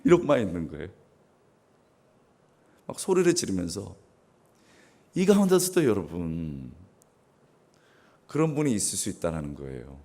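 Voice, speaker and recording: A middle-aged man preaching a revival sermon as guest pastor, with dramatic swings and sudden raised exclamations, clearing his throat now and then. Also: low-pitched, sing-song, moderate pace, pauses often, warm tone.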